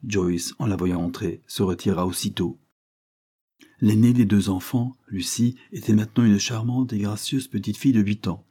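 A male audiobook narrator with a low, dark voice and a husky grain. He tells the story in a measured, dramatic way, steady and unhurried.

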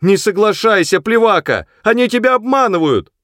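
A man's voice: fairly low pitch, expressive, normal speed, a little mellow, slightly rough, no room sound, clean studio sound. A man doing an earnest young girl. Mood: urgent. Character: brave young girl, loyal and outspoken.

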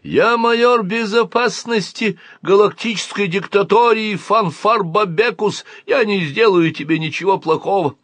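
A man's voice: sits high, a little slow, few pauses, a bit bright, no room sound, pitched above the performer's own voice. A man voicing a smug, patronizing alien security officer who speaks from inside a boy's head. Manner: soothing, patronizing.

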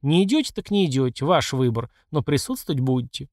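Man reading a calm, teasing old emperor. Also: medium pitch, no room sound, clean studio sound, close to an everyday voice. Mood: amused calm. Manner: politely teasing, unhurried. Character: calm ironic aging male emperor, bald.

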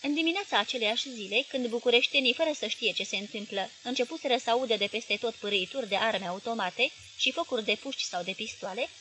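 A woman narrating a novel as an audiobook in a measured, expressive reading. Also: on the high side, low-quality recording. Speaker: audiobook reader.

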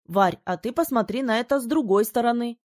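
A woman reading an audiobook, voicing a good-natured, gently teasing young male friend in a lowered, altered tone. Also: animated, a little fast, lightly acted. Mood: coaxing.

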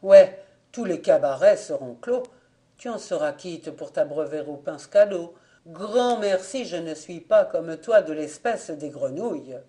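A woman's voice: deep voice, lively intonation, a little slow, warm tone. A woman reading the part of a jovial, thirsty male farmer fond of drink, in a boisterous manner. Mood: skeptical.

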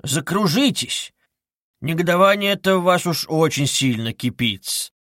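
A sly, fawning middle-aged investigator, as a male reader plays him coaxes and insinuates in a wheedling, drawn-out way. The voice sits a touch high, and the recording is dry and close. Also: animated, fairly bright tone, no room sound. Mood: insinuating.

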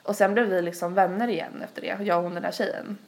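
A woman's voice: mid-range voice, fairly even intonation. A young woman tells a long story in casual podcast chat. She rambles, stacks fillers and acts out quotes as she goes. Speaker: podcast host.

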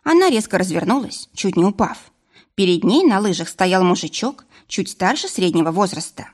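Female audiobook narrator, expressive, lively storytelling. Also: medium pitch, moderate pace.

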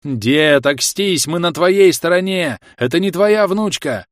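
A man voicing a pale, urgent young monster hunter who shouts warnings. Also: fairly high pitch, animated, slow, no room sound, clean studio sound, voice pushed up. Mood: alarmed.

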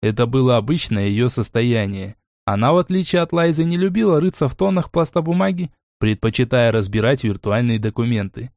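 A man narrating a fantasy audiobook in a measured, even reading. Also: medium pitch, dry recording, clean studio sound. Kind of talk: scripted narration.

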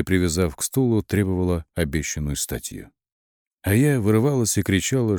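A man narrating a novel in the first person with expressive storytelling. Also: sits low, dry recording, clean studio sound. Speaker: audiobook narrator.

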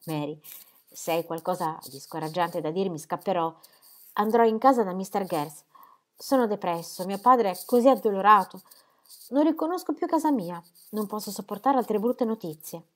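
A woman's voice: medium pitch, animated, moderate pace, natural voice. A woman voicing a cheerful, spendthrift young man who jokes and pleads, in an audiobook reading. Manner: joking, pleading.

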